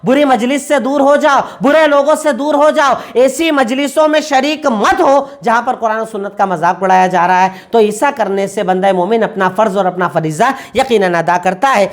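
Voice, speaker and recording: Woman teaching a Quran lesson, high voice. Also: hardly any pauses. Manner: explains word by word, mixing in English glosses; repeats points in steady lists.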